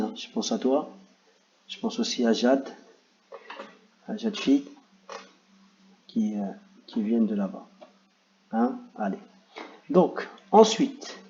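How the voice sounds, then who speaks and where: A male teacher talks young pupils through their exercises step by step, patient and encouraging. His voice sits at an ordinary middle pitch. The recording sounds a little dull and lo-fi. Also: dark tone. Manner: patient, encouraging, addresses children directly. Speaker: primary school teacher. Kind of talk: explaining worksheet exercises to children.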